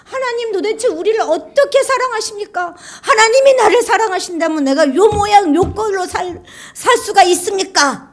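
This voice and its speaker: A woman preacher acting out the indignant, complaining voice of a crowd of ancient people, high and whiny. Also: expressive, normal speed. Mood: protesting.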